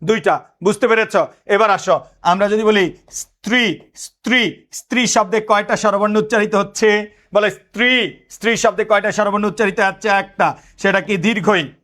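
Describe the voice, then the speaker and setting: High-voiced man drilling students. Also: moderate pace, sharp tone. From Bangladesh. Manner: drills students with repeated questions. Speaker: teacher. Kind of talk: lecture.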